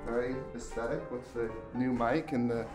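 Young male co-host, mid-pitched, deadpan and hesitant, casual chat in a home kitchen. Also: moderate pace, music in the background, poor audio. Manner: dry, deadpan, with hesitant ums. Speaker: co-host of a small comedy channel. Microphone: new microphone.

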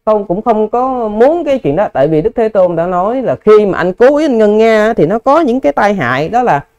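High, smooth-voiced monk explaining patiently. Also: male voice, sing-song, brisk, a little mellow. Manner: patient, explanatory, addresses listeners politely. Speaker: Buddhist monk. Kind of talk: Dharma Q&A teaching.

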